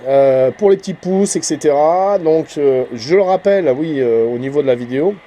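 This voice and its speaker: Slightly high and dark-toned, this man's voice has lively intonation and a normal speed. He's an amateur CB radio hobbyist hosting a channel, offering easygoing, rambling vlog remarks that are hesitant and often end in trailing tag words.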